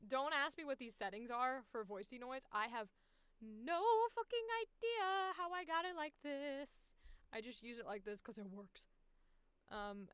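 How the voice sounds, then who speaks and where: A voice actor walks through a screen share, talking casually and thinking aloud in a blunt, self-deprecating manner that slips into swearing. Her voice is a little high, slightly bright and smooth, with no room sound.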